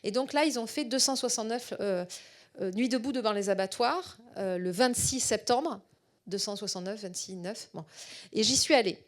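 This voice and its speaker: A woman's voice: mid-range voice, moderate pace. Hesitant woman lecturer with a southwestern French accent. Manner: hesitant, many fillers and repeated words. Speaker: researcher giving a public lecture. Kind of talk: public lecture.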